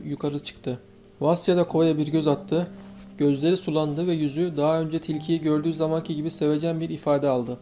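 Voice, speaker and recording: A male audiobook narrator reads in a steady, measured storytelling manner. His voice sits slightly high yet sounds mellow and warm, with faint guitar music beneath. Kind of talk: scripted narration.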